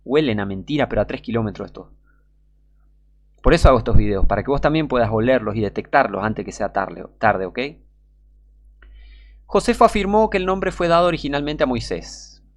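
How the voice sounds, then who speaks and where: A man's voice: mid-range voice, lively intonation, fairly quick, pauses often. A man with a Rioplatense Spanish accent preaching a sermon, reading passages and breaking off into scornful, emphatic warnings.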